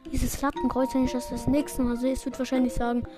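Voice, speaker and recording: A high-pitched woman talks through a video game match as it happens. Her play-by-play is excitable and self-mocking. Game music plays clearly underneath her voice. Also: quick pace. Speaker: gaming video creator. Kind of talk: live gameplay commentary.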